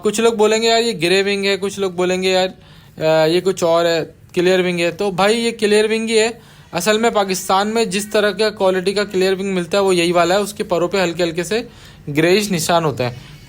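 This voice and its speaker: High-voiced man explaining bird breeding. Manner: patient, repeats key terms, casual asides to viewers. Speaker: budgie breeder teaching viewers. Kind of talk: explanatory voice-over over bird footage.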